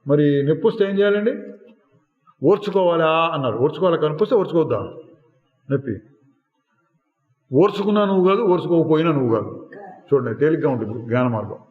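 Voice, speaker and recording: A man giving a slow, deliberate spiritual discourse, asking rhetorical questions and singing lines of verse now and then. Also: fairly high pitch, animated. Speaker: spiritual teacher. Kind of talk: satsang discourse. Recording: echoey hall, phone-like lo-fi sound.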